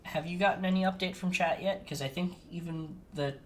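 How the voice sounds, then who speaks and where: On a live stream, a podcast co-host chats casually into a desk mic, flustered and self-deprecating as they laugh through technical trouble. The voice is medium-pitched, steady and a little fast, with a slight hiss or hum.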